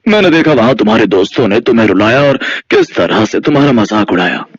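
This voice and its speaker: A man doing a kindly male ghost from a storybook, reassuring and generous. His husky voice moves up and down a lot as he talks. The sound is dry and lo-fi. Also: lowish voice, lively intonation, fast, no room sound. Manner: soothing, reassuring. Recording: dull lo-fi audio.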